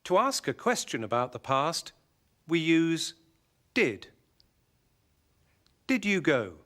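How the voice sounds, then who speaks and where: A man presenting an English lesson, drilling words clearly and deliberately in scripted narration. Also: on the high side, big pitch swings, pushed and bright.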